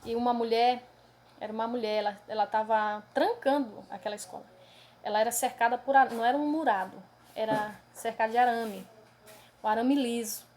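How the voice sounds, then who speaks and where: A woman's voice: a little high, fairly even intonation, fairly quick, darkish tone, a little hiss or hum. A woman preacher earnestly recounting a dream vision as a testimony to her congregation, often calling them brothers. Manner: earnest and emotional, addresses listeners as brothers; tags many phrases with a questioning aside.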